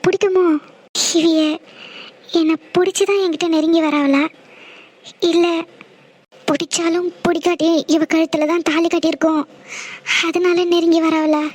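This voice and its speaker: Woman doing a shy wife in a cartoon, twang, super high squeaky voice, hesitant and pleading. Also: steady tone, normal speed, pauses often. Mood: anxious. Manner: hesitant, pleading, soft-spoken. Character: timid young village wife, a former maid. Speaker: voice actor. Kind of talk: cartoon voice acting.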